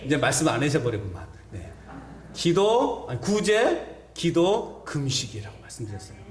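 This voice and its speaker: A man's voice: on the high side, huge pitch swings, moderate pace. A male pastor preaching a sermon to his congregation, putting rhetorical questions to the listeners. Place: church sanctuary. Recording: echoey church hall.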